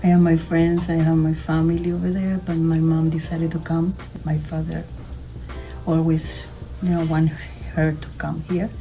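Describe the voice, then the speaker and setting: An older woman from Spain, a native Spanish speaker, answering interview questions as a school attendance clerk in halting, non-native English. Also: deep voice, level tone, mellow, soft background music, rough recording.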